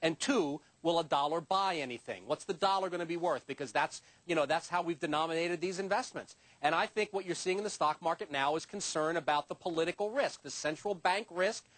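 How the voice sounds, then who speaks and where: A male financial commentator gives his views plainly as a guest on a business news program. His voice is a little high, and the sound is close and dry, with no room echo. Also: a little fast, hardly any pauses, a bit bright. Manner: opinionated, plain-spoken. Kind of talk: cable business news discussion.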